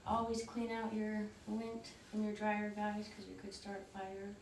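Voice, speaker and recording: Her delivery completely flat and a little slow, a middle-aged woman with a medium-pitched, darkish voice chats nervously and swears casually while vlogging a ghost hunt. She is filmed in a large old cellar, and there is slight background noise. A tripod-mounted camera, later handheld, catches her from far off in the echoey basement.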